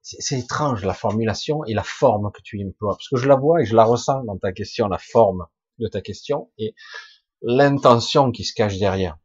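A man with a husky, rough voice giving an informal spiritual talk to online listeners, halting yet emphatic, in colloquial, earthy wording. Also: on the low side, a little mellow, no echo, muffled recording. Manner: halting and emphatic, with colloquial swearing and sound-effect words. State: coughing now and then. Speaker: spiritual teacher answering listeners' questions live.

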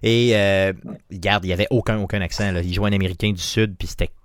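Brief: Quebec host, lowish voice, dry close mic, easygoing, lots of "euh". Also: male voice, fast talker, clean tone, dry recording. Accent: Quebec French. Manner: relaxed, lots of fillers, asks the panel questions. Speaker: podcast host. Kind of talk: casual panel chat.

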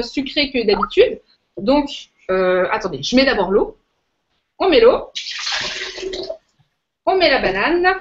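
A woman's voice: high voice, slight background noise. A woman hosting a workshop, giving an informal, chatty demonstration with a hesitant way of explaining. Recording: muffled, lo-fi audio.

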